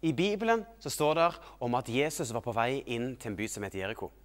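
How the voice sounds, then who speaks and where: A man hosting a children's TV show, telling a Bible story to the kids in a playful, animated way. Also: mid-range voice. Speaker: children's TV host.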